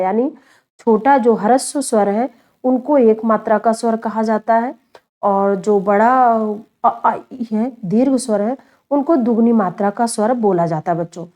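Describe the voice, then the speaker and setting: A woman's voice: on the high side, unhurried, warm tone. A woman teaching a grammar lesson, often asking a question and then answering it herself, and often calling her listeners children. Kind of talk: online Hindi grammar lesson.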